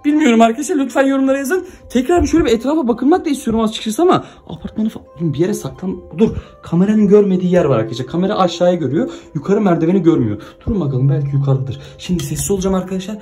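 Frantic male vlogger at home, very high-pitched, rapid, addressing fans. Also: lively intonation, dark tone, faint music behind. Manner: frantic, exclaiming, confused. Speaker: YouTuber. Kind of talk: excited vlog talk to viewers.

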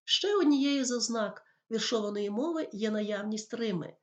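A woman's voice: a little high, normal speed, lo-fi sound. A woman teacher giving a school lesson on poetry, explaining patiently and reading verse lines aloud. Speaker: literature teacher.

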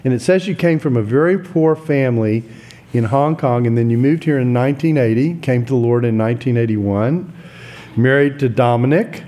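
Mellow older man hosting an interview. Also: mid-range voice, moderate pace. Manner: relaxed, hesitant fillers, brief backchannels. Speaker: podcast host, interviewer. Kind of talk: interview conversation. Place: podcast studio. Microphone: studio mic on boom arm.

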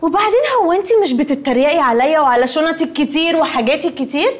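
A woman's voice: sits high, fast, close to an everyday voice. An actress playing a haughty, spoiled young woman who brushes others off and drops English words into Egyptian Arabic. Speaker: Nelly, comic film character. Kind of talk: Egyptian comedy film acting.

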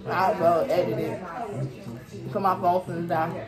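A young woman vlogging a casual eating video, giving slow, offhand, murmured answers. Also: lowish voice, music in the background. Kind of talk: casual mukbang chat. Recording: roomy room with chatter behind.

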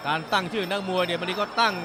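A man giving excited live Muay Thai boxing commentary as a ringside commentator. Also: high-pitched, very fast, crowd noise. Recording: loud music behind the commentary. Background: loud music.

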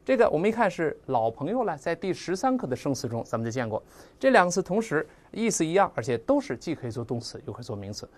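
Lively vocabulary teacher, very expressive pitch, slow drilled pronunciation, lots of sound-effect mimicry. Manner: spells out and slowly repeats English words. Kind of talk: recorded vocabulary lesson.

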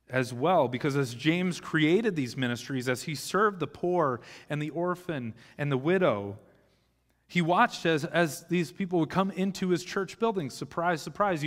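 A man in his thirties, a pastor, giving a conversational teaching sermon on a church stage with a live audience. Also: mid-range voice. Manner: conversational teaching with occasional restarts, gesturing on stage. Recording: long hall reverb of a church sanctuary.

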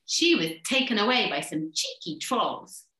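A woman voicing a gentle young princess who speaks softly and earnestly in a storybook reading. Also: medium pitch, sing-song, measured pace, roomy sound, low-quality recording. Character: gentle young princess, kind but firm.

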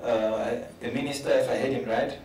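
A medium-pitched, darkish, steady male voice at normal speed comes from a professor on a conference panel, speaking earnestly with a South African English accent and repeating words as he develops his point. He uses a handheld mic, recorded from a distance in a roomy hall with slight background noise.

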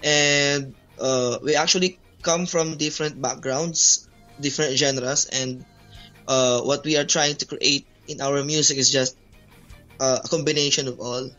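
This interview guest, a Filipino bassist whose first language is Tagalog, responds haltingly on a muffled lo-fi call with music in the background. He has a steady, medium-pitched voice that sounds pushed and bright, and he speaks a little slowly.

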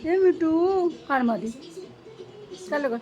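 High-voiced woman cooing to her pets. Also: animated, slow pace, dull audio, very noisy. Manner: fond baby talk to her pets, meowing along. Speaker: home vlogger. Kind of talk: casual home vlog, chatting to pets. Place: home kitchen. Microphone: handheld phone.

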